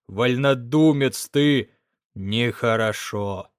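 A man voicing a stern, reproachful village priest who scolds slowly and loudly. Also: medium pitch, dry recording, studio quality, lightly acted. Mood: scolding.

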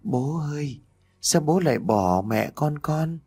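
A man voicing the ghost of a little girl, cold and vengeful, with a soft eerie call in a storybook ghost tale. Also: a little high, expressive, slow, husky, pitched above the performer's own voice, full character voice. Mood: eerie, accusing.

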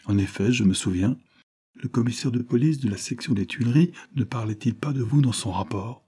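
Un homme qui lit, dans un livre audio, les répliques d'un juge d'instruction posé et interrogateur. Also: male voice, mid-range voice, fairly quick, mellow, breathy edge, lightly acted. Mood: measured. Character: composed male examining magistrate. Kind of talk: audiobook character reading.

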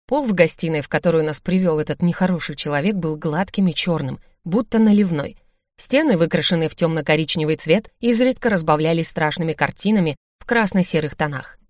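A woman narrating a fantasy audiobook in first person with lively, expressive delivery. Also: low voice, a little fast, no echo, studio quality.

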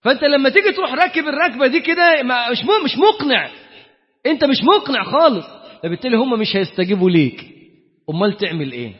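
An Egyptian preacher talks quickly and emphatically in a fairly high voice, his volume swinging from loud to quiet. The recording is dull and lo-fi, with a long reverb like a large hall. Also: sing-song. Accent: Egyptian Arabic. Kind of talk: colloquial sermon.

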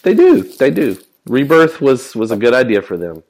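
A man's voice: medium pitch, big pitch swings, normal speed, a little mellow. A man co-hosting a casual comics news podcast, mostly giving short agreeing replies. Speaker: podcast co-host.

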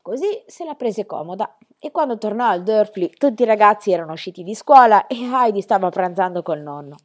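A woman reads a classic children's story aloud, narrating with expressive storytelling. Her pitch moves in a lively, animated way through each sentence. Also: a little fast. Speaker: reader. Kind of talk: audiobook reading of a children's novel.

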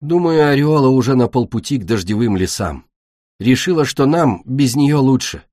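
A man's voice: mid-range voice, expressive, moderate pace, darkish tone, dry recording, studio quality, natural voice. A man voicing a bossy, sarcastic young female sea dragon.

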